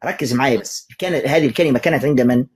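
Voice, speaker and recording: A man's voice: medium pitch, racing, breathy edge. A man, a sheikh, debating religion, pressing his opponent with repeated insistent questions and sarcastic jabs. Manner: mocking, sarcastic.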